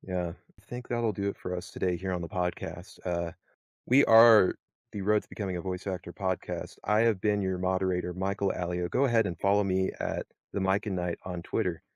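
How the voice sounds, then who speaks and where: A man's voice: sits low, fairly even intonation, fairly quick, darkish tone, dry recording. A man moderating a casual podcast chat, rambling with many fillers and restarts.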